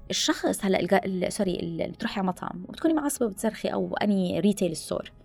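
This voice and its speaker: Fast-talking woman with gravelly voice. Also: medium pitch, faint music behind. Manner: animated advice-giving, mixes in English phrases. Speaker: guest speaker on listening skills. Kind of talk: podcast conversation.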